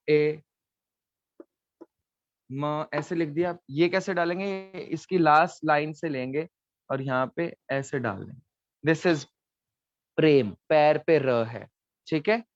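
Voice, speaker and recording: Male teacher, patient step-by-step explainer, slightly raised pitch, dry dull recording. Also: steady tone, takes it slowly, long pauses, dry recording. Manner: patient, explains step by step, checks with "theek hai". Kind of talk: online Gurmukhi lesson at a board.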